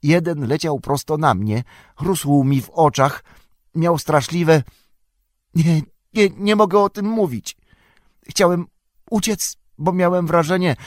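A small, frightened young hobbit, as a man reading the story voices him. The voice sits well above the reader's own low pitch, stammering and pleading in fear. It is close and dry. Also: no room sound, close to an everyday voice.

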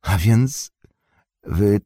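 A man voicing a bitter, scornful fallen old wizard turned beggar, with a gravelly, husky voice and drawn-out mocking speech. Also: extremely low pitch, lively intonation, a little mellow, no room sound, clean studio sound, full character voice. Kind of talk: audiobook character reading.

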